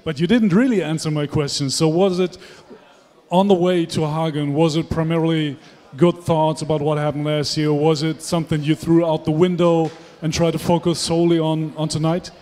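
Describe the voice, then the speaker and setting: High-voiced male host in a hall. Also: normal speed. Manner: chatty, lively questioning. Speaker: arena host and interviewer. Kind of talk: postgame stage interview. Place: stage in a large dark hall. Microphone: handheld mic. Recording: long hall reverb.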